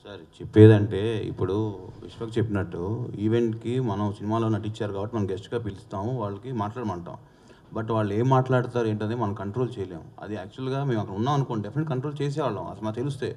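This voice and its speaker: A man's voice: fairly low pitch, rapid-fire, darkish tone, distant mic. A man explaining at a press meet, backing up the actor's account. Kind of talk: press conference answers.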